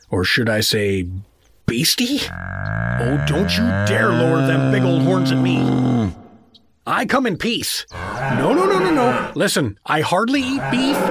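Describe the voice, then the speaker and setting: An actor gives a full character voice to a chummy, rambling, hapless middle-aged American dad from South Dakota in a comedic fantasy audio drama. The man's pitch is fairly high with vocal fry, and he sounds panicky.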